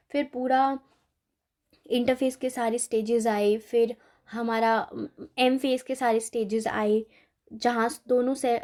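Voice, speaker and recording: A woman teacher works through an exam-prep biology lecture at an unhurried pace. Her voice sits a little high yet sounds soft and mellow. She reads English textbook lines slowly and keeps checking in with listeners. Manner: mixes Hindi explanation with slowly read English textbook lines; checks in often with "theek hai".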